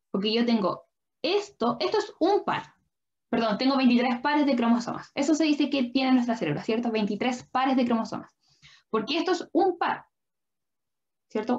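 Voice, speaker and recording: A young woman teaches a biology lesson online from a drawing board in a high-pitched voice with a darkish tone. Patient throughout, she repeatedly asks questions to make sure students follow, and the recording sounds dull and lo-fi.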